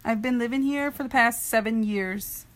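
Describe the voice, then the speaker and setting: A woman's voice: fairly high pitch, normal speed. A mother in her late thirties being interviewed, speaking frankly and matter-of-factly. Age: 30s.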